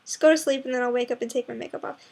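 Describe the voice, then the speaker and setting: Young woman vlogger, high voice, tired and mumbling, loose rambling chat. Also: fairly even intonation, rapid-fire, creaky, a little mellow. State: sleepy. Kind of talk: casual chat to camera.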